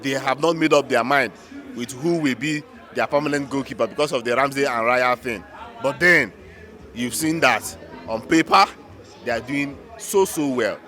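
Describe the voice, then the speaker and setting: A man's voice: mid-range voice, moderate pace, sharp tone, some chatter behind. Emphatic Nigerian man giving football reaction. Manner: emphatic, repeats phrases for effect. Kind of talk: unscripted football punditry.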